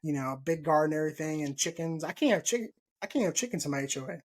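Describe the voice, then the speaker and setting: This gardening podcast host, a Texan in his thirties, talks rapid-fire with a slightly high voice and lively intonation. Recording on a video call mic indoors at home, he laughs frequently and repeats himself.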